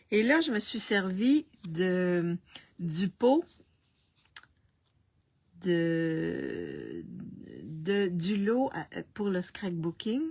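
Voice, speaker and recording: A woman, hosting a live card-making demonstration, talking slowly with many restarts and coughing through a frog in her throat. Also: fairly low pitch, a little mellow, breathy edge, no room sound. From Canada. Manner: slow, halting, with many restarts and fillers. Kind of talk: casual live craft demonstration.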